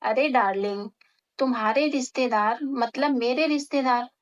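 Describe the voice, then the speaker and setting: A woman voicing a grumpy but flirtatious husband who talks gruffly. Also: fairly high pitch, moderate pace, dull audio, natural voice.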